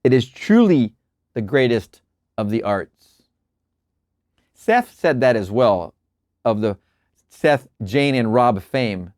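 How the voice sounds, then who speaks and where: A man hosting a show, reading spiritual lecture passages aloud in a measured, deliberate way and breaking off for relaxed asides and quiet chuckles. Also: medium pitch, no echo, studio quality. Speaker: host reading and explaining lectures. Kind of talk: reading aloud with casual commentary.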